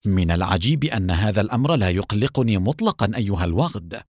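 A man's voice: lowish voice, fast talker, no room sound, clean studio sound. A man voicing a cool, mocking secret agent. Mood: calm mocking. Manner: calm, sarcastic.

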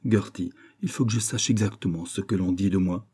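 A man's voice: sits low, fairly even intonation, a little fast, mellow, breathy edge. A male reader voicing Lily Bart, a proud young society woman who speaks with mocking defiance.

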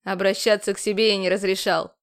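A woman's voice: mid-range voice, level tone, moderate pace, smooth, close to an everyday voice. A woman voicing a stern male alien commander who speaks harshly and curtly. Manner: harsh, clipped, raised voice.

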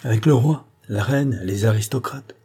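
A man's voice: medium pitch, normal speed, mellow, breathy edge. A man voicing Cagliostro, a grandiose schemer. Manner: sweeping, oratorical, relentless. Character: scheming male occultist, cold and grandiose. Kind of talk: audiobook character reading.

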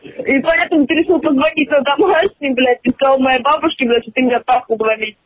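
Brisk young woman from Russia, constant swearing, aggressive, dry thin phone sound. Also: high-pitched, no echo. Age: late teens. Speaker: prank call target. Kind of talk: angry phone conversation. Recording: tinny dry phone line.

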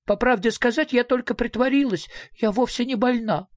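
A reader voicing a small, whiny, melodramatic girl creature in a storybook, high and tearful. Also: normal speed, no room sound, clean studio sound, natural voice. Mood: whiny, dramatic. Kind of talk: audiobook character voice.

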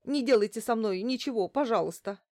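A woman voicing a frightened, greedy middle-aged woman gynecologist in an audiobook, her voice pitched higher and begging. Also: sing-song, moderate pace, dry recording, studio quality. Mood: pleading.

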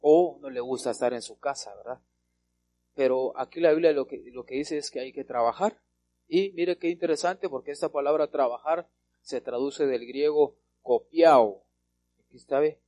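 A man with a medium-pitched, dark-toned voice preaches a Bible teaching sermon emphatically, slowly stretching key words, posing frequent rhetorical questions, and calling his listeners brother.

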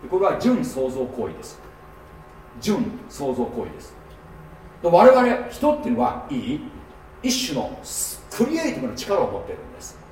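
A man teaching a sermon at a seminar, his voice a bit higher than most men's and rising and falling in animated swings. He often stops to check that his listeners are following. He is recorded from a distance in a reverberant hall, with faint room ambience behind him. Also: moderate pace, slight background noise. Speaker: pastor. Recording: echoey hall, mic at a distance.

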